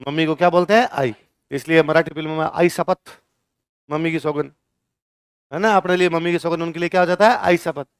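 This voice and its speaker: A man teaches a class in a lecture and keeps quizzing his listeners. His voice sits fairly high and sounds clean and crisp. The recording is dry and close. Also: fairly even intonation, a little fast, no echo. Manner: asks the class questions and answers them himself.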